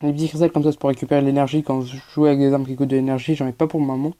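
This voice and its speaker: A man's voice: mid-range voice, flat delivery, racing, mellow. A man giving hesitant, explanatory gameplay commentary as a channel host, with many fillers.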